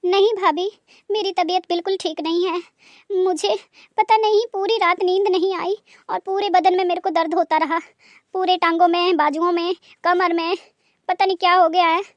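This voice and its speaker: A woman's voice: extremely high pitch, fairly even intonation, moderate pace, no room sound, highs cut off. A woman doing a whiny young bride faking illness. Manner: whiny, complaining, pleading. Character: lazy young daughter-in-law faking illness.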